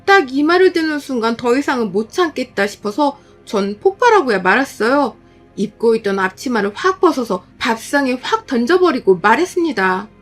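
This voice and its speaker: Woman telling a true-life story, high lively voice, earnest and aggrieved, soft music behind. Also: brisk. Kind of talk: dramatized story narration.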